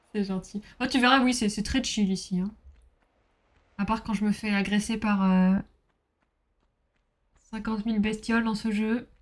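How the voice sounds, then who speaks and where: A woman's voice: mid-range voice, steady tone, normal speed, long pauses. A woman streaming a game, chatting casually with her viewers, reading their messages aloud and bursting into exclamations.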